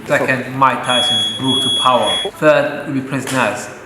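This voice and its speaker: At a measured pace and with a steady, mid-range tone, a young professional boxer from Saudi Arabia speaks before a fight, proud and earnest, sometimes joking. The interview takes place in a boxing gym whose echo and loud ambience fill the recording.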